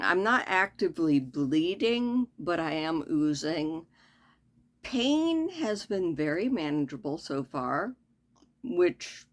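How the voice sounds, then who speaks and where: A woman chatting casually in a vlog, with a slight lisp and careful, halting speech as she talks around newly fitted false teeth. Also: deep voice. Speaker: vlogger giving a personal update.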